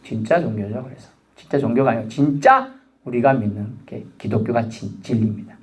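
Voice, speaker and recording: A man's voice: mid-range voice, brisk. A middle-aged man preaching a sermon as pastor, talking to the congregation and acting out a child's pleading voice. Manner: animated, acts out a child's pleading voice.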